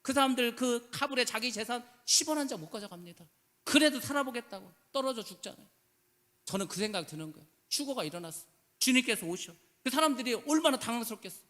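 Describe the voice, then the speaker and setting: A man's voice: very high-pitched, expressive, fast talker, pushed and bright. A man preaching a sermon as pastor, emphatic and full of rhetorical questions, slipping into casual speech. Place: church sanctuary. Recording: church hall reverb.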